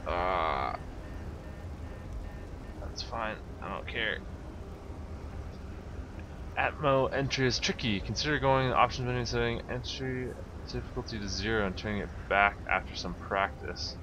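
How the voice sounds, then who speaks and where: Against a noisy background, a man with a fairly low voice commentates on a video game in an unhurried way, pausing often. He exclaims excitedly and talks to himself in a casual manner.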